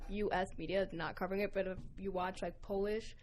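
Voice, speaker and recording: A woman's voice: medium pitch, steady tone, fast talker, darkish tone, a little hiss or hum. A teenage girl speaking as a guest in casual chat, telling her points earnestly and with emphasis. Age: teens.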